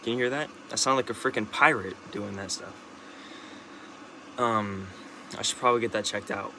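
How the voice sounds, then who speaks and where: Bright-voiced man rambling to camera. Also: lowish voice, a little hiss or hum. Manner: rambling, halting, with many restarts, fillers and curses. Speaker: vlogger. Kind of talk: unscripted rambling monologue.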